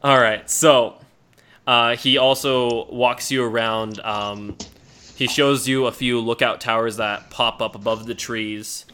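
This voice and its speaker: A man improvising narration as a tabletop game master in a halting, descriptive way. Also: mid-range voice, steady tone, sharp tone, slight background noise.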